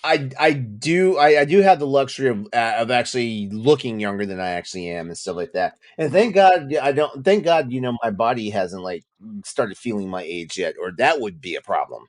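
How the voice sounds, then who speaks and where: A man in his forties hosting a casual podcast chat, animated and often restarting his sentences. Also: medium pitch, fairly quick, hardly any pauses. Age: 40s. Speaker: podcast host.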